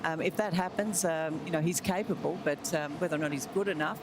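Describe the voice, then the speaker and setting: High-voiced male racing analyst, hesitant delivery. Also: fairly quick, background noise. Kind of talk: live pre-race analysis.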